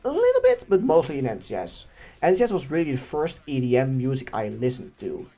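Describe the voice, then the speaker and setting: Lively young man with Dutch accent. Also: mid-range voice, fairly quick, creaky, soft background music. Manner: chatty and animated, laughing often. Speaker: YouTube channel host. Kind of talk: casual Q&A reading viewer questions.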